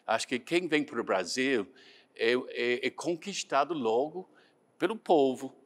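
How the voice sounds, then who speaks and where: Irish-born missionary priest, second-language Portuguese speaker, calm anecdotal interview answers. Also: male voice, mid-range voice, a little slow. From Ireland.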